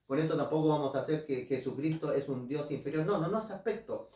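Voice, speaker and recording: A man preaching a Bible teaching sermon, earnestly addressing his listeners as dear brothers and reading scripture slowly and deliberately. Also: fairly high pitch, a little mellow. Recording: roomy, mic at a distance.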